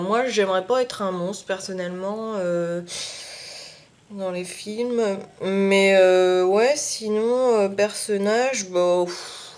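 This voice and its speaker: A young woman vlogging in casual chat, hesitant and full of fillers, often trailing off quietly at the end of her phrases. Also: mid-range voice. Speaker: YouTube vlogger.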